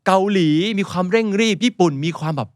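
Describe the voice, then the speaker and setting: A man from Thailand, a guest author, chatting casually and telling lively stories as he mixes English words into his talk. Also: sits high, fast talker, no room sound, clean studio sound. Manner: lively, animated storytelling. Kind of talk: casual interview chat, mixing in English words.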